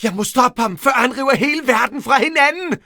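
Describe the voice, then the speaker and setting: A very high, bright voice for a young hedgehog hero in a video game. He is cocky, playful and quick with a teasing jab. The delivery is energetic, and the sound is dry and close. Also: no echo, full character voice. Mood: wry, determined. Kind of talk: animated video game voice acting.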